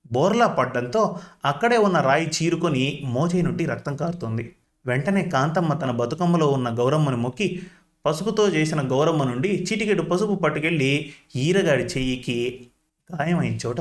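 A man reading a village tale as a storyteller, steady and even. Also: on the high side, normal speed. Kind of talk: scripted narration.

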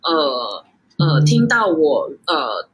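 一位三十多岁、在台湾长大的女侍酒师，通过远程连线接受访谈，说话随意，常笑，停顿和语气词很多。. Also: female voice, sits low, very animated, drawn-out words, muffled recording, a little hiss or hum. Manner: chatty, laughs often, many fillers. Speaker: guest sommelier. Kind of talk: casual interview over a remote call. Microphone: video call.

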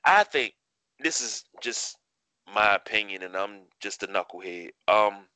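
A man with a hoarse, parched voice, chatting casually and haltingly about sports as a podcast co-host. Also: lowish voice, animated, bright, forceful tone, no echo. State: hoarse, parched throat after a day of yelling.

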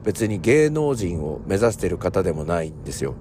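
A man from Ibaraki hosting a solo talk podcast, talking in a relaxed, rambling way with many fillers. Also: sits low, a little fast, slight background noise. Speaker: podcast host. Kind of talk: casual solo talk radio.

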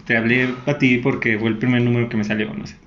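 A young man with a Mexican accent, casually telling a story in a deadpan way. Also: mid-range voice, fast talker, a little hiss or hum. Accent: Mexican Spanish. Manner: deadpan anecdote telling, mimics voices in quotes. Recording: roomy muffled recording.

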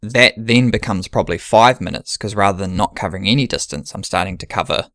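A man's voice: on the low side, brisk, a bit bright, no room sound, clean studio sound. A man in casual podcast chat, planning an ultramarathon and thinking aloud with many restarts.

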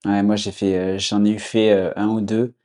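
A young man with a southwest French accent, chatting casually as a podcast guest, relaxed, with many fillers and restarts. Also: lowish voice, moderate pace. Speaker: podcast guest, agency founder. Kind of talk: casual conversation.

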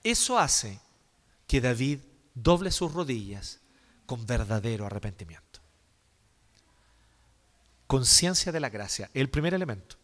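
A man preaching a sermon, expressive and acting out examples, often asking his listeners questions. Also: medium pitch, measured pace, pauses often. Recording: long hall reverb.

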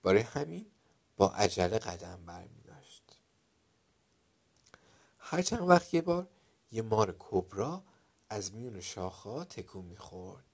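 A man narrating a children's story dramatically, dropping to a hush at some moments and getting loud at others. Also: medium pitch. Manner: dramatic, loudness swinging from hushed to loud.

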